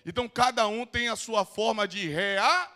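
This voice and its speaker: A man's voice: high-pitched, normal speed, pushed and bright. A Brazilian man with a Bahian accent, a psychoanalyst giving a live lecture in a council chamber, playfully teasing the audience and calling up volunteers. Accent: Bahian Brazilian Portuguese.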